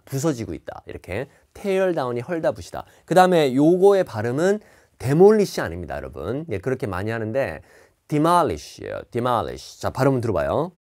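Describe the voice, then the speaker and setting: A man's voice: mid-range voice, darkish tone. A man teaching TOEIC listening in an online lecture, explaining each answer and repeating key words.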